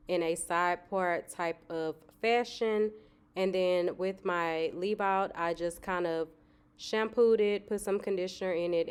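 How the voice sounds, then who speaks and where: A young woman hair vlogger chats casually through a hair tutorial, relaxed and full of fillers. Her voice is on the low side, clear and resonant, though a little nasal from a cold.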